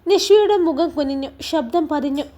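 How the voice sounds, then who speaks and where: High-voiced woman narrating a story. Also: moderate pace, warm tone. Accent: Malabar Malayalam.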